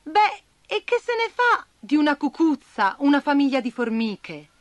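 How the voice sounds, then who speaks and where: A woman doing a gentle little stick boy. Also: sits high, very animated, unhurried, dry recording, pitched above the performer's own voice. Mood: earnest. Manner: kind and earnest.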